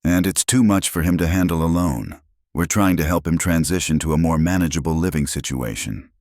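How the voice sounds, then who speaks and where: A man with a low-pitched, brisk, darkish, natural voice plays a pushy, resentful grown daughter pressuring her father. He sounds upset and insistent, in a dry, close recording with no echo.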